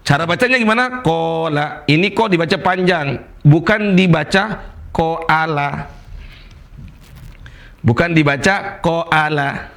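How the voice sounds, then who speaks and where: A man's voice: fairly high pitch, measured pace, a bit bright. A man teaching a Quran recitation lesson, patiently repeating recited examples and putting questions to his students. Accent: Indonesian.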